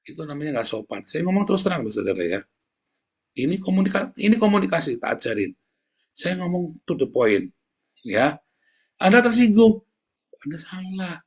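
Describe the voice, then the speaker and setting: Man, pastor, husky voice, blunt, scolding sermon. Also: a little high. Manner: blunt, scolding, repeatedly addresses listeners as brothers. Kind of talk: blunt sermon to an online congregation.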